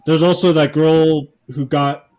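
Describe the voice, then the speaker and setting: Deadpan sarcastic man on a podcast. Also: fairly high pitch, unhurried. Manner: deadpan sarcastic, many filler words. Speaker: podcast co-host. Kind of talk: casual sarcastic podcast chat.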